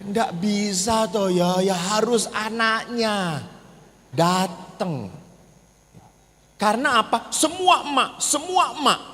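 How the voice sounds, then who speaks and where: High, bright-voiced man joking from the pulpit. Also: expressive, slow. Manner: joking storyteller who acts out voices. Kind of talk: humorous seminar talk. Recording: reverberant hall, faint noise.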